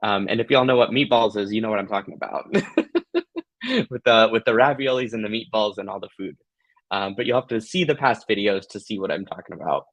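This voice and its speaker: A man's voice: lowish voice, fast talker, fairly bright tone, no echo, dull audio. A man hosting a live craft tutorial, chatting casually to viewers in a gushing, affectionate, playful way. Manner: giggly, playful.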